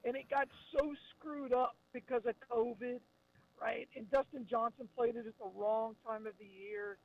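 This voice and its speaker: High-voiced man on a buzzy, glitchy call. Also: animated, moderate pace, gravelly, a little hiss or hum. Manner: stammering, repeats words when starting. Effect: buzzy, glitchy phone call audio that breaks up. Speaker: sports radio co-host on a call. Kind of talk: casual sports talk. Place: outdoors or in a car in pouring rain. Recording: dull phone line.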